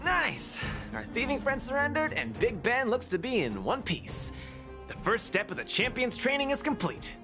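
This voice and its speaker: An actor playing an eager young male fighter in a game, talking in a showy, energetic way. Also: very high-pitched, moderate pace, full character voice. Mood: upbeat. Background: game music.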